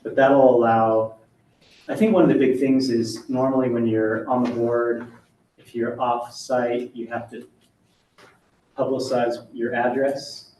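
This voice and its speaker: A man's voice: medium pitch, little pitch movement, a little slow, dark tone, far from the mic, a little hiss or hum. A man runs a public board meeting in an informal, meandering way, full of ums and restarts. He sounds echoey and set back from the mic, with faint room ambience around him. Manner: informal and rambling, with many fillers. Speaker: board chair running the meeting.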